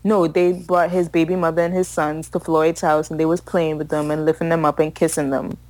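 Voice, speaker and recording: A woman co-hosts a loose, opinionated chat in a low-pitched voice that sits dry and close to the mic. She swears freely and laughs easily. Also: level tone, brisk, darkish tone, no echo, rough recording. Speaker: podcast co-host. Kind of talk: casual chat.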